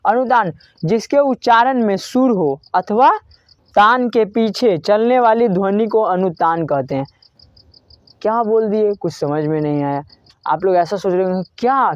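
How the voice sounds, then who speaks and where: An unhurried woman with a mid-range voice teaches grammar, repeatedly posing a question and answering it herself to drill students. The dull, dry, lo-fi recording has no room sound.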